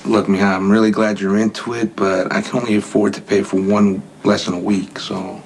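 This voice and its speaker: An actor playing an excitable, protective man who mixes Spanish words into his English, in a soap opera scene with music underneath. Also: on the low side, fairly quick, creaky, rough recording. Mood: apologetic. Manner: loud and exasperated. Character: excitable middle-aged man, protective and easily startled. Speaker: Lourdes's guardian who pays for her lessons. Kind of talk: daytime soap opera acting.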